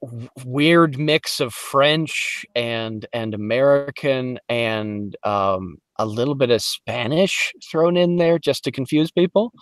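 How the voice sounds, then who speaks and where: A voiceover actor guesting on a podcast, chatting casually and playfully, now and then dropping into character accents. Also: male voice, medium pitch, takes it slowly, few pauses, no echo, clean studio sound. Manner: playful, slips into character accents mid-story.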